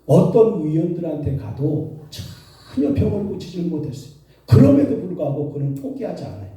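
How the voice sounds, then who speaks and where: A man preaching a sermon as pastor, telling the story with animated voiced quotes. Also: on the high side, moderate pace. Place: church sanctuary. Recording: echoey church hall from far off.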